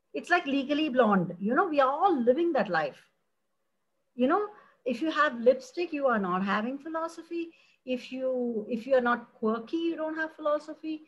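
A middle-aged woman from India, a philosophy professor, talking passionately in a conversational interview, animated and expressive, often restarting her sentences. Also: high voice, low-quality recording.

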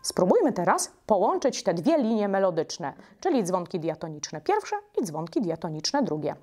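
A woman leading a music workshop for children, giving slow, patient instructions with short pauses. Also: fairly low pitch, sing-song, dark tone.

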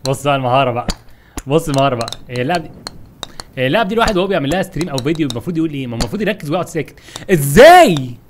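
A young man with an Egyptian Arabic accent, commenting on his gameplay in an animated, frustrated way as he talks to his viewers. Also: a little high, racing, a little hiss or hum. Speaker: gaming YouTuber.

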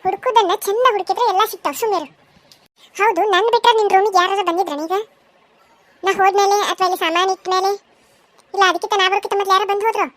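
A woman's voice: very high-pitched, steady tone, quick pace, dry recording. A woman voicing a stern but caring older village mother who scolds firmly, with a North Karnataka Kannada accent. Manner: scolding, firm, loud.

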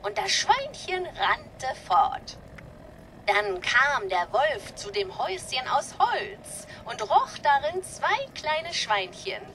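Doting robot nanny, high voice, swooping melody, unhurried, slight robotic filter, game dialogue. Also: female voice, big pitch swings, a bit bright, slight background noise, heavily acted. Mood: doting storytelling. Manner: sing-song, sweetly doting storyteller. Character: prim female robot nanny telling a fairy tale. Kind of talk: video game character dialogue.

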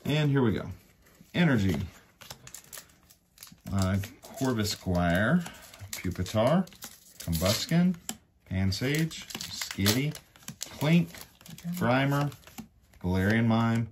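A man co-hosting a casual card-opening video, briskly announcing each card as he goes. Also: medium pitch, very animated, noisy background. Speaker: co-host of a card-opening channel. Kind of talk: casual chat while opening card packs.

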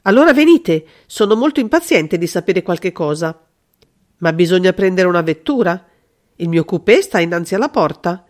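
A woman's voice: fairly low pitch, expressive, moderate pace, darkish tone, natural voice. A woman voicing an agitated, impatient male king in an audiobook, speaking in urgent, eager questions. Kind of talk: audiobook character reading.

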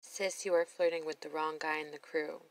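A woman's voice: low-pitched, level tone, normal speed, noisy background. A woman commenting on a reality show in a sassy, blunt voice-over, swearing freely. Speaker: reaction video host.

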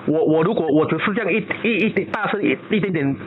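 A man's voice: a little high, fast talker. A man with a Malaysian accent rambling over the phone about his wife, often losing his thread and restarting. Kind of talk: casual phone chat. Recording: tinny phone line with crowd noise.

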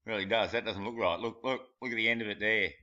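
Talking fast in a fairly low, steady voice with a sharp edge, a conspiracy video commentator mocks pictures with crude, blunt humor and laughs at his own jokes as he rambles. The sound is a dull, lo-fi home recording.

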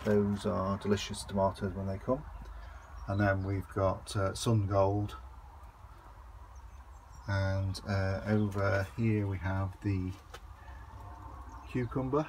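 A man giving a relaxed, hesitant tour of his allotment and greenhouse, filming on a handheld phone outdoors. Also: sits low, slow, pauses often, a little hiss or hum. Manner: relaxed, hesitant with many ums and uhs. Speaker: allotment vlogger. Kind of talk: casual garden tour narration.

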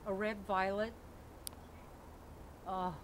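A middle-aged woman guiding a casual walking tour of a garden, talking in a gentle, admiring way with many fillers. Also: mid-range voice, little pitch movement, slow, rough recording. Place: outdoor botanical garden. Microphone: camera held by companion. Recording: outdoor noise on camera mic.

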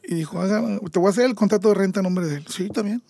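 Middle-aged man, Mexican accent, husky, dry recording, acts out voices while telling stories. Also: high voice, rapid-fire, mellow, no room sound. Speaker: podcast guest, taco shop owner. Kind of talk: storytelling interview.

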